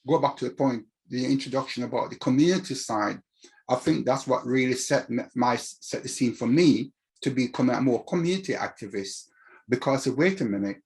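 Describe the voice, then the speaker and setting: A man's voice: medium pitch, moderate pace, a little mellow. Older man with a Caribbean accent. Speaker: interview guest, community activist. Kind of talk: reflective interview talk.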